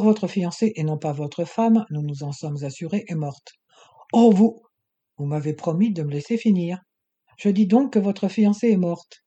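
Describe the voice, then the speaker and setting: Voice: mid-range voice, dull audio, close to an everyday voice. Reader voicing a cold scheming doctor. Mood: coaxing. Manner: calm, measured, coaxing menace. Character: scheming cold male doctor, smooth and menacing. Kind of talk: audiobook reading.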